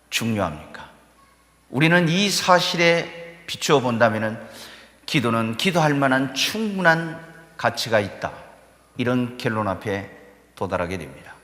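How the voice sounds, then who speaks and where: A man preaching a sermon as pastor of his church, building to fervent peaks and dropping low between them. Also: fairly bright tone. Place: church sanctuary. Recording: echoey church hall reverb.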